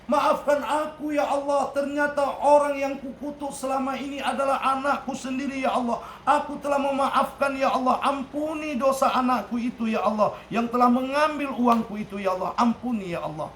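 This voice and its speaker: A man playing an elderly mother who pleads and cries out to God in a high voice, recorded in an echoey room. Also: normal speed, few pauses, fairly bright tone, a little hiss or hum. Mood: pleading. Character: elderly mother, grieving then forgiving.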